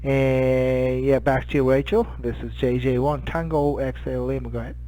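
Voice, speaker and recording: A mellow man in his fifties from Hokkaido, Japan, speaks with a Japanese accent during a casual amateur radio contact. His voice is medium-pitched and level, at a moderate pace, and he sounds hesitant, often searching for words.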